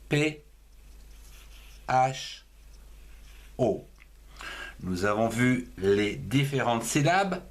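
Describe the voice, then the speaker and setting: A man leads a writing lesson at a very slow, deliberate pace, spelling each word out letter by letter. His pitch moves a lot, rising and falling as he stresses each syllable. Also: a bit bright. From France. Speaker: writing teacher.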